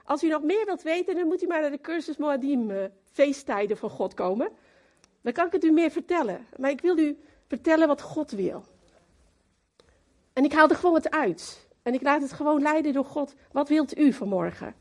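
A woman giving a lively, emphatic sermon who talks straight to the congregation and slips into English now and then. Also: sits high, normal speed. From Moluccan community in the Netherlands. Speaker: preacher.

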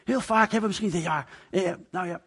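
A man's voice: high-pitched, a little fast, a bit bright, husky. A male preacher giving a sermon in a conversational, explanatory way, acting out the parts of the story. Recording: long reverb of a large hall.

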